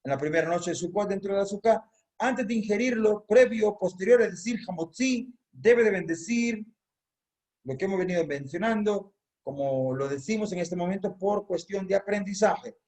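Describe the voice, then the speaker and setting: A man's voice: high-pitched, lively intonation, normal speed, a little mellow. A man teaching a congregation in an online religious class, explaining step by step and repeating key phrases so they are memorized.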